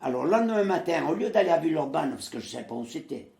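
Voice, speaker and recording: A man's voice: fairly high pitch, very fast, creaky, roomy sound. A man in his nineties, originally from Marseille, telling his wartime memories in conversation and acting out the voices of people he quotes, with frequent hesitations. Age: 90s. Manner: lively storyteller who acts out quoted voices, with frequent hesitations. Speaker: interviewee, former resistance fighter.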